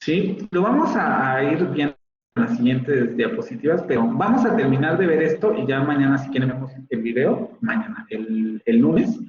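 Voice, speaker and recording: A man with a Mexican Spanish accent lectures a university phonetics class, explaining points and repeating example words to model their pronunciation. His mid-range voice is expressive at normal speed, with a little hiss or hum, and the audio is roomy and slightly dull with faint ambience.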